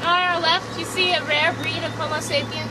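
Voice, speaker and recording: High-voiced woman guiding over loud engine noise. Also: level tone, fairly quick. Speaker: boat tour guide. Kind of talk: informal guided tour narration. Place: outdoors on a tour boat. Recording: noisy outdoor recording with engine rumble.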